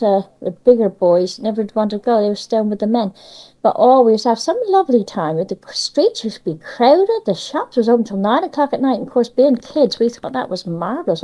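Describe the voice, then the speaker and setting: An older woman with a Cornish accent, from Cornwall, England, is being interviewed and fondly recalls local memories in easygoing dialect full of tag questions. The recording is poor, and her voice is mid-range with a dark tone.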